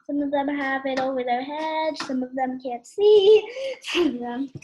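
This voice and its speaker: Slow, high-voiced woman reading a picture book. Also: muffled recording, a little hiss or hum. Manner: gentle, with asides and questions to the listener. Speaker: storyteller.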